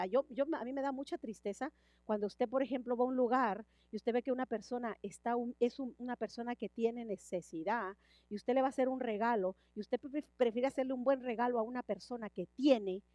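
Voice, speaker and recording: A woman's voice: on the high side, darkish tone, dry recording. A middle-aged woman preaching a sermon and telling a personal testimony, emphatic, repeating words and restarting her phrases.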